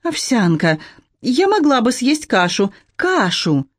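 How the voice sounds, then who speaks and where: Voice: mid-range voice, big pitch swings, slow pace, no echo, voice pushed up. Reader doing a starving teen girl in a storybook, desperate and angry, dry close sound. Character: starving teenage girl, frantic and furious. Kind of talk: audiobook narration.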